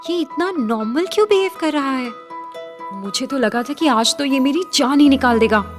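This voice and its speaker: A woman voicing a stubborn young college woman who speaks in a soft, pleading, hushed way. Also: high voice, moderate pace, soft background music, natural voice.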